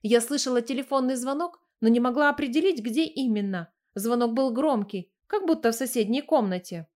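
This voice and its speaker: A woman reading an audiobook voices a lady of the house who answers questions earnestly in a slightly higher voice. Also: brisk, darkish tone, lightly acted. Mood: puzzled. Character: anxious lady in a bathrobe, helpful, polite.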